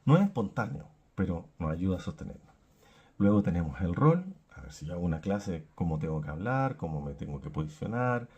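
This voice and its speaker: A man lectures on clinical psychology in a low, husky voice. His tone is mellow and dark, and he keeps breaking into everyday examples and small acted asides as he explains. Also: sing-song, brisk, dull audio.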